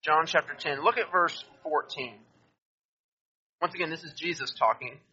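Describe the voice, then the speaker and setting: A man's voice: a little high, moderate pace, pushed and bright, dull audio. A man preaching a sermon, reading scripture aloud, explaining it and asking listeners to turn to verses. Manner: addresses listeners directly, asks them to turn to verses.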